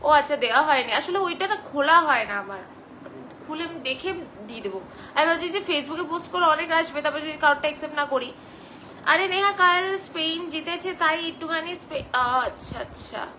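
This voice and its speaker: Young woman, high bright voice, live-stream host, reads out comments and chats back, phone mic. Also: normal speed, a little hiss or hum, low-quality recording. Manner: reads viewer comments aloud and answers them chattily. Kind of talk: casual live-stream chat.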